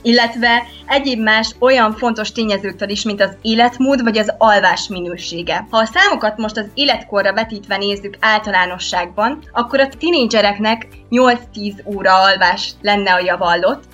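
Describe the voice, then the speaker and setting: A woman speaking as an interviewed expert, laying out practical advice in a calm, explanatory way. Her voice sits at a middle pitch. The recording is a little dull and lo-fi, with faint music underneath. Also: few pauses. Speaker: sleep expert guest. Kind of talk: interview answers.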